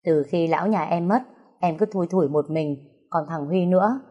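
A woman voicing an excitable widowed aunt who talks in a gushing, dramatic way. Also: on the low side, normal speed, highs cut off, natural voice.

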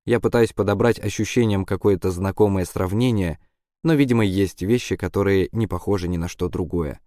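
A man reading a novel aloud in the first person, in a steady, subdued way. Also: sits low, brisk, no room sound, studio quality. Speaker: audiobook narrator.

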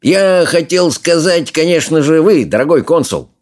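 A man's voice: on the high side, animated, normal speed, darkish tone, pitched above the performer's own voice, natural voice. A man reading an audiobook, voicing a treacherous, scheming male villain who fawns and hisses through his teeth. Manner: hissing through clenched teeth, shrieks when angry.

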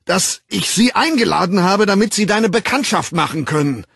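Male narrator doing a high, loud, begging young man in an audiobook; husky edge. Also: expressive, moderate pace, dry recording, clean studio sound, exaggerated voice. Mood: desperate pleading. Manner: shrill, loud and pleading. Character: anxious pleading young man, high-strung.

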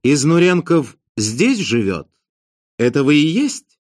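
A man's voice: a little high, big pitch swings, takes it slowly, darkish tone, dry recording, heavily acted. A man voicing a brash young male con man who talks in a curt, officious, commanding way, in a dry close recording. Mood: stern, officious.

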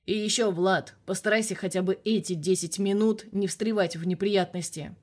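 A gruff, hot-tempered police colonel barks down the phone, as a woman reader puts him on. His voice comes louder and forceful, blustering and scolding. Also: medium pitch, fairly even intonation, moderate pace, lightly acted. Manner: loud, blustering.

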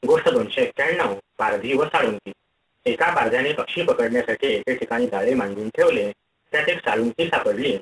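A man narrating fables for an audiobook in a measured, formal reading voice. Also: medium pitch, animated, a bit bright, recorded from a distance, poor audio.

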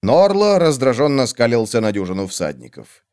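A man narrating a fantasy audiobook with an expressive reading. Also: mid-range voice, normal speed, clear, resonant tone.

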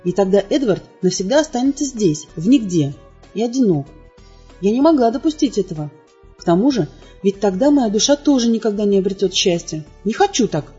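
A woman's voice: mid-range voice, lively intonation, fairly quick, mellow, breathy edge. A woman reading a first-person audiobook in an emotional, dramatic way. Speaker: audiobook narrator. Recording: dull lo-fi sound with faint music.

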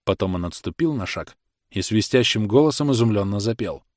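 A man's voice: on the low side, lively intonation, a little fast, a little mellow, no room sound, studio quality. Man reading a novel aloud. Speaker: audiobook narrator. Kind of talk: scripted audiobook narration.

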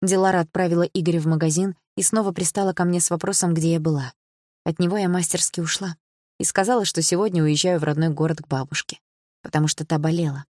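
Low-voiced woman reading an audiobook. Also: steady tone, quick pace, darkish tone, no room sound, studio quality. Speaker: audiobook narrator. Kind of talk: scripted first-person audiobook narration.

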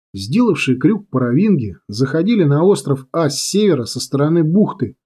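A man reading a military adventure novel aloud as narrator, telling it dramatically and slowing on key lines. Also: on the high side, dark tone. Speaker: audiobook narrator. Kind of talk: scripted narration.

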